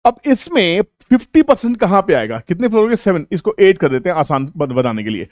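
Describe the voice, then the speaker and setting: A man explains step by step to his viewers, keeping them along by asking questions and answering them himself. His voice sits a bit high for a man. The recording is close and dry. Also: sing-song, a little fast, a little mellow, dry recording. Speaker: trading educator.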